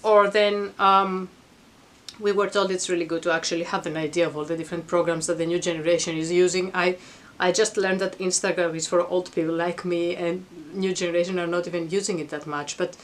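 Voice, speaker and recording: A woman's voice: fairly low pitch, level tone, a little fast. A middle-aged woman giving an informal explanatory talk to camera in a reflective, earnest, conversational manner. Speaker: vlogger. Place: attic at home.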